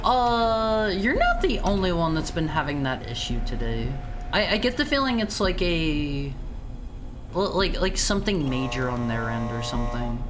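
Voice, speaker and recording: A woman streamer chatting casually while gaming, haltingly repeating words and phrases as she goes. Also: lowish voice. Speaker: video game streamer. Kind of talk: casual game streaming chat. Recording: clear background game noise.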